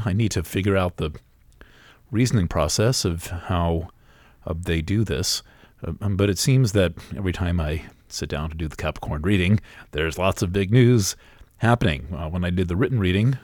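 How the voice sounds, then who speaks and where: A man with a deep, low-pitched voice talks through an astrology reading in an unscripted, meandering way. He fills pauses with "uh" and "um," restarts his sentences, and hiccups now and then. The sound is close and dry, with no room echo. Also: a little mellow. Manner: rambling, with many fillers and restarts. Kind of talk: casual spoken astrology reading.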